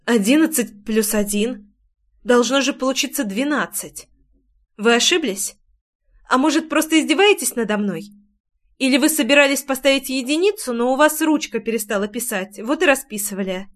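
A woman voicing a nervous, quick-tempered young woman who bursts out in sharp, anxious questions. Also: a little high, close to an everyday voice. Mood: agitated.

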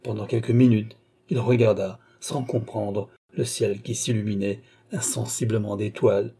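Mellow, husky male audiobook narrator. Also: lowish voice, steady tone, normal speed. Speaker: audiobook reader. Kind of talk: scripted narration of a classic novel.

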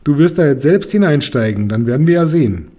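A man's voice: fairly high pitch, lively intonation, a little fast, dark tone. A man voicing a pompous male pharaoh who bursts into laughter and barks orders, in an audiobook. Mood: suspicious, commanding. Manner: boisterous, bossy, bursts of laughter. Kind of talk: audiobook character voice.

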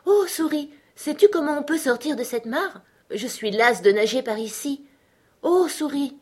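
A woman's voice: high voice, lively intonation, darkish tone, voice pushed up. A woman playing a polite eager little girl. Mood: wondering. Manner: eager, rushing to please.

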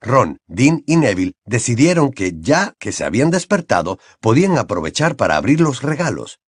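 A man narrating an audiobook in an expressive storytelling manner on a close mic. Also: mid-range voice, normal speed, breathy edge, no room sound. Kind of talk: scripted narration.

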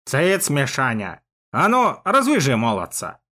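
Gruff old bearded priest, folksy, bossy, barks orders and sounds a bit set back from the mic , as a narrator puts him on. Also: male voice, mid-range voice, wildly swooping pitch, measured pace, bright, forceful tone, heavily acted. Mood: commanding. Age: older. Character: old bearded man, former balalaika player turned priest, commanding.

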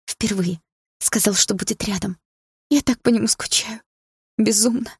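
A woman's voice: medium pitch, normal speed, breathy edge, no room sound, clean studio sound, recorded from a distance, pitched above the performer's own voice. A woman voicing a young heroine who speaks in an emotional, imploring way. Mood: longing. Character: young woman, the first-person heroine, missing her father.

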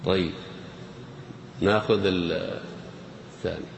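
A man's voice: low-pitched, steady tone, takes it slowly, vocal fry. A man teaching a grammar lesson, quizzing his audience in a playful, teasing way. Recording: echoey hall with faint noise.

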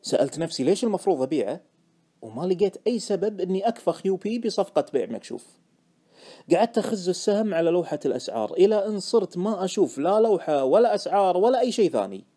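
A man narrating an audiobook in the first person with expressive storytelling. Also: high voice, racing.

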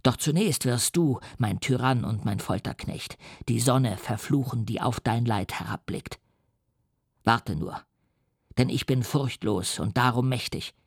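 A huge, lonely creature, voiced by a man, speaks in slow, menacing threats. The voice sits at a middling pitch. It sounds dry and close, as in a radio drama reading. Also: gravelly, breathy edge, no echo. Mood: vengeful. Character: vengeful, lonely male creature, huge and bitter.

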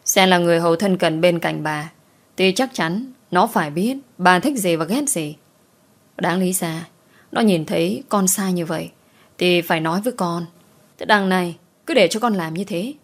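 A woman's voice: fairly low pitch, moderate pace. A woman voicing a young maidservant who speaks politely and deferentially. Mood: accusing. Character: young maidservant, meek but quick-witted.

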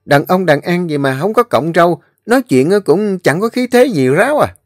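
Người đàn ông giả giọng ông chú nhà quê tò mò. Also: male voice, high voice, big pitch swings, brisk, no echo, clean studio sound, pitched above the performer's own voice. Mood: amused. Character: curious, chatty older countryman.

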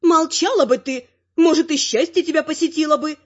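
A woman voicing a spry, sharp-tongued, bossy old grandmother in a brisk, scolding way. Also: high-pitched, voice pushed up, lightly acted. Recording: muffled lo-fi recording.

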